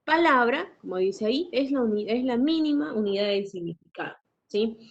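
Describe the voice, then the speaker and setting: A woman teacher lecturing a class, often asking tag questions and clearing her throat. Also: on the high side, animated, moderate pace. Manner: asks frequent tag questions. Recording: dull lo-fi recording.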